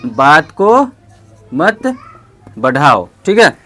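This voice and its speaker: A man teaching English in a classroom, calling out prompts loudly and saying model phrases slowly for his students to repeat. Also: a little high, big pitch swings, faint music behind. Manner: loud call-and-response prompting, slow drawn-out model phrases. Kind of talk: classroom lesson.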